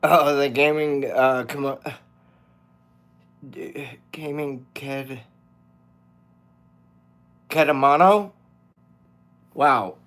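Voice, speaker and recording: A man's voice: mid-range voice, drawn-out words, pauses often, fairly bright tone. A man in his fifties live-streaming as a musician, chatting casually with viewers, greeting them by name and swearing freely. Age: 50s.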